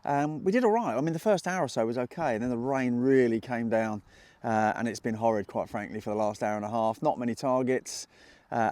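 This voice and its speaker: Out in an open grassy field, a metal detecting vlogger narrates casually to his audience. He's British, in his fifties, and understated, with a warm, mid-range voice in a dry recording.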